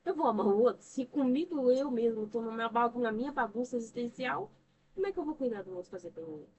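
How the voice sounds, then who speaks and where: A woman's voice: fairly high pitch, expressive, fast talker, darkish tone. Emphatic Brazilian woman with a preaching tone. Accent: Brazilian Portuguese. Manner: emphatic, preacher-like, rhetorical questions. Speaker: podcast guest, church member and counselor. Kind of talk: earnest religious talk on emotional health. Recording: distant mic with faint noise.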